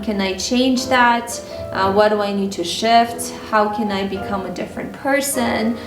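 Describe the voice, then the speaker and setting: In a mid-range voice recorded from a distance, a Ukrainian woman who grew up speaking Russian relates personal stories to camera. As a style and mindset vlogger, she talks candidly and conversationally, with many fillers, against a roomy echo and background music.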